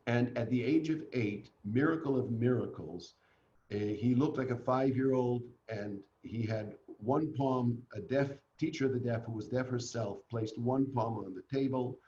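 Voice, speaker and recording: An older man from Canada tells his story as an interview guest, earnest and animated. His voice is mellow and dark. The sound is dull and roomy, with a faint hiss behind it, like a home video call. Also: mid-range voice, normal speed.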